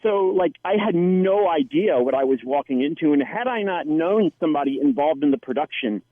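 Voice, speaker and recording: A man who is an actor, chatting as a guest and telling stories with lively quoted lines. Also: fairly high pitch, fairly quick, no echo. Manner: animated storyteller, quotes others. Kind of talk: casual interview chat. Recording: dry tinny phone-like line.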